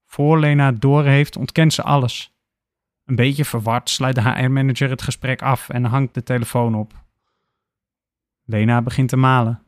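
A man narrating an audiobook story in a steady, even delivery. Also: medium pitch, moderate pace, smooth, no echo, studio quality.

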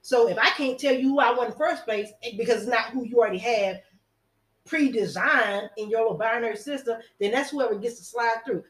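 A woman's voice: fairly high pitch, brisk, a bit bright, roomy sound, rough recording. A woman giving blunt, sardonic opinions in a casual discussion.

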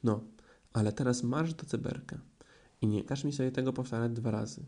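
A man's voice: mid-range voice, fairly quick, dark tone, natural voice. A man voicing a kindly but firm mother kangaroo in a storybook reading, coaxing and motherly. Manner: coaxing, bossy-sweet.

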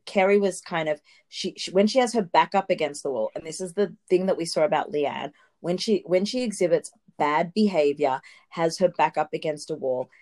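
A woman with a low-pitched, slightly mellow voice co-hosts a podcast, casually recapping reality TV. She talks in long explanatory turns and laughs often.

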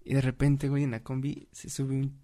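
A man's voice: medium pitch, a little fast. A young man with a Mexican accent telling a story in casual, slang-filled chat. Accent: Mexican Spanish. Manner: slangy, laughing, animated storyteller.

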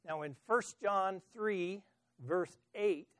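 A man preaching a sermon as pastor, swinging from loud emphasis to soft asides and asking the congregation questions. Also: sits high, drawn-out words, no room sound.

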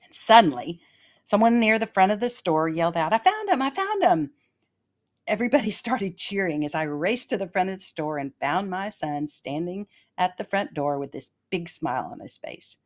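A low-pitched woman delivers scripted devotional narration. She is calm and measured, weaving a personal story into an earnest message of faith and leaning on key phrases. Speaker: devotional podcast host.

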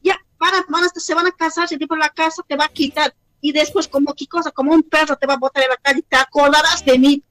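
A woman's voice: sits high, steady tone, quick pace, a bit bright, dry recording, low-quality recording. A woman playing a wronged wife in a comedy radio sketch, reproachful and repeating herself. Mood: hurt, resigned. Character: wronged wife, hurt and pleading.

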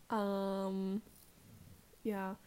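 A woman with a medium-pitched, darkish voice that sounds clear and resonant co-hosts a casual family podcast. She hesitates a lot, filling pauses with "um," and sits close to the shared microphone.

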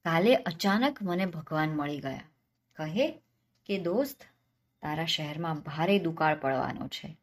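A clever, penniless young man from a spoken folk tale, as a woman reads him. He sounds cheeky and sure of himself, turning every question back, lower-pitched. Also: animated, unhurried, heavily acted. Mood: sly. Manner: cheeky, confident, answers questions with questions.

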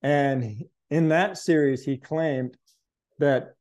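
A man's voice: fairly high pitch, steady tone, slow pace, darkish tone. A man earnestly recounting a spiritual experience as an interview guest, reflective and searching for words. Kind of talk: conversational testimony.

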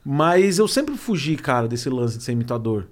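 A man's voice: sing-song, normal speed. A man, a comedian and impressionist chatting casually on a podcast, self-deprecating, with frequent restarts. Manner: self-deprecating, restarts often, shifts pitch to imitate.

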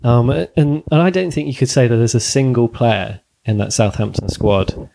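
Gravelly-voiced male podcast host. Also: medium pitch, background noise. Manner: hesitant, halting. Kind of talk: casual football chat.

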